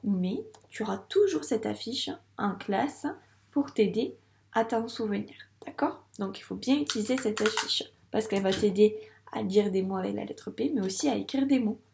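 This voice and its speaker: Her voice is medium-pitched, gravelly and darkish, at a normal speed, heard in an echoey room. She is a French-accented primary school teacher patiently teaching young children to read, sounding out syllables carefully in a slow, clear video.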